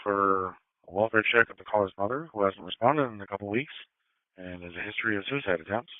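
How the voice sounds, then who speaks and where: A man's voice: on the low side, fast talker, dry recording. A man working as a dispatcher, relaying call details to units in procedural police radio style. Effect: police radio transmission. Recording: phone-like narrowband scanner audio.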